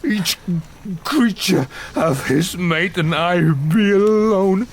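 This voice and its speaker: A male actor playing a bitter, wounded man-made monster in a gothic audio drama, speaking in a slow, archaic, menacing way. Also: high-pitched, animated, full character voice. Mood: anguished.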